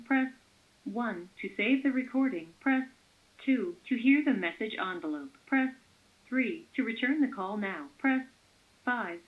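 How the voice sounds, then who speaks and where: A woman's recorded voicemail prompts, heard through a landline phone speaker and read out in an even, measured way. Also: a little high. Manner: even, measured menu announcements. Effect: heard over a landline phone speaker. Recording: muffled lo-fi phone audio.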